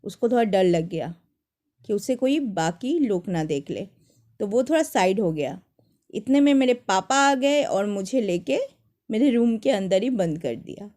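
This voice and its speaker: A young woman telling personal stories to viewers in a casual, animated way, often restarting her sentences. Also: medium pitch, unhurried. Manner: animated, dramatic retelling with many restarts. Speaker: storyteller.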